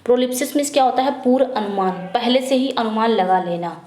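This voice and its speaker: A woman teaching an English exam prep lesson, reading questions slowly and explaining quickly in Hindi, asking and answering herself. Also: on the high side, a little mellow, roomy sound. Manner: repetitive drilling, asks then answers herself.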